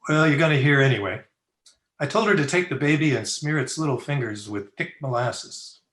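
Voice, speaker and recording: A man's voice: medium pitch, animated, a little fast, a bit bright, lightly acted. Man playing Doc Adams, crusty frontier doctor, roomy sound. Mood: wry, teasing. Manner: dry, bantering, folksy. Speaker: actor in an amateur radio drama. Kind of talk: old-time Western radio acting. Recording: roomy, echoey video-call recording.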